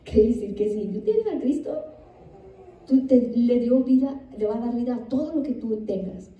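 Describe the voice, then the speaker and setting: A woman's voice: on the high side, lively intonation, normal speed, highs cut off. A woman pastor preaching a sermon. She reads scripture aloud, repeats it for emphasis and asks the congregation questions. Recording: echoey room, distant mic.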